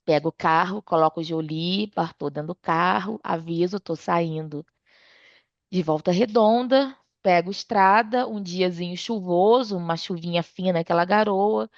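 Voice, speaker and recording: Woman, podcast guest, lively storyteller, lo-fi dry recording. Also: moderate pace, dry recording. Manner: animated retelling, acts out dialogue with her mother. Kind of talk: casual storytelling. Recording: dull dry low-fidelity sound.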